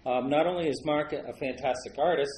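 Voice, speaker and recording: A man's voice: fairly high pitch, quick pace, a little mellow, slight background noise. A man hosting an interview podcast, asking enthusiastic, rambling questions full of fillers. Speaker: podcast host. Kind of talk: casual interview. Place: large home studio. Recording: roomy studio with faint ambience.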